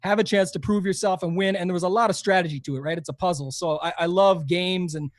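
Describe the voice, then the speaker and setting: The recording is dry: a high-pitched young man with a Canadian accent, speaking quickly in a steady tone. As a guest on a casual interview podcast, this fantasy golf podcaster rambles eagerly, stumbling through fillers and restarts.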